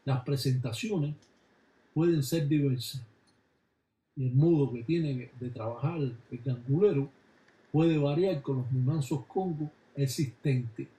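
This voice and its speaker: A man calmly explaining religious rituals in a measured, instructive way. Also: mid-range voice. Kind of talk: explanatory narration. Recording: echoey room with background noise.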